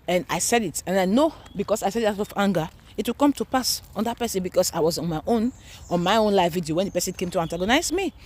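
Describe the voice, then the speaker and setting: A woman's voice: on the low side, darkish tone. A woman with a Nigerian accent, a mother talking earnestly to her viewers in a casual, preachy vlog, stressing her points by repeating them, recorded outdoors while walking in a park. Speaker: mother and vlogger. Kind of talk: casual preachy talk to camera.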